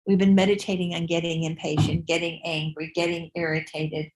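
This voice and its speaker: An older woman speaks informally to a meditation group, explaining ideas at an easy pace. Her voice sits on the low side, and she restarts her phrases and repeats words as she thinks aloud. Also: flat delivery, fairly quick, darkish tone, poor audio. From United States. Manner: chatty, laughs easily, repeats words while thinking. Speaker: Buddhist teacher. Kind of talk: informal dharma talk to a group. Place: meditation room.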